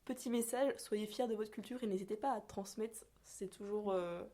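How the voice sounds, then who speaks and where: A young woman from France chats in a relaxed, unscripted way. She hesitates often, trails off and fills pauses while hunting for the right words. Her voice sits at an ordinary middle pitch. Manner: hesitant, searching for words, many fillers. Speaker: podcast guest. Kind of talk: casual conversation.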